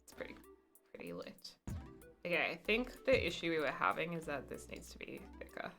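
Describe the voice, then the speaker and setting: A woman's voice: low-pitched, huge pitch swings, fairly quick, over music. A woman chatting casually and playfully as she live-streams a building game. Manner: playful, chatty, slips in and out of put-on accents.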